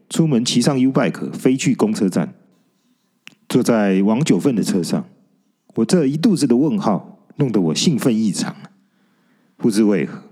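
Brief: male storyteller, lively pitch, mellow dark tone, comic podcast reading. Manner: playful, expressive, wry asides.

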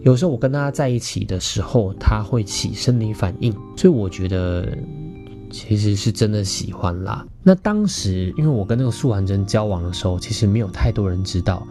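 A young man with a Taiwanese Mandarin accent hosts a podcast, telling a personal story expressively and conversationally and often turning to address listeners. His voice is fairly low, warm, expressive and a little fast, with guitar music playing in the background.

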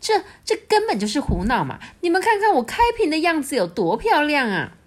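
A woman's voice: fairly high pitch, sing-song, moderate pace, darkish tone, voice pushed up. A woman voicing a vain, boastful male peacock in a children's picture-book reading, haughty and scolding. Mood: angry.

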